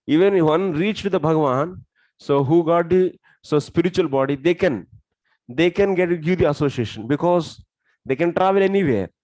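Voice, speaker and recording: A man's voice: on the high side, a little mellow, no echo, poor audio. A man with a South Indian accent teaching a religious lesson step by step, often putting questions to his listeners. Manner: explains step by step, asking questions. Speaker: scripture teacher.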